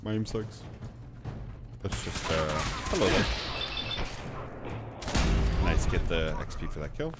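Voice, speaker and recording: A man's voice: deep voice, very animated, takes it slowly, pauses often, loud music behind the voice. A man giving casual, chatty gameplay commentary, rambling and correcting himself as he plays. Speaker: gaming video creator.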